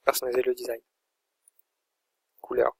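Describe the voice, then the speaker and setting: A man narrates a screen-recorded tutorial in a loose, thinking-aloud way, narrating every click as he makes it. His voice is mid-pitched with a slightly husky edge. The sound is dry and close, with no room echo. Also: monotone, normal speed. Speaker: online course instructor.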